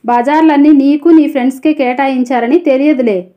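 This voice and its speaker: A woman's voice: high-pitched, fairly even intonation, brisk, highs cut off, natural voice. A woman reading a storybook, voicing a tired, patient young husband who speaks with restraint. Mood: weary.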